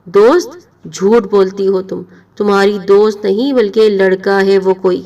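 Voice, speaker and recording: A woman's voice: medium pitch, fairly even intonation, warm tone, recorded from a distance, dull audio, lightly acted. A woman voicing a harsh, scornful middle-aged aunt who scolds and accuses her niece. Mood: accusing.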